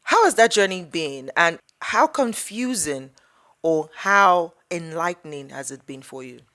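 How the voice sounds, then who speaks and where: A woman's voice: on the low side, animated, a little slow, a bit bright. A woman hosting a casual interview, asking curious, appreciative questions and often restarting her sentences mid-thought. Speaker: podcast host.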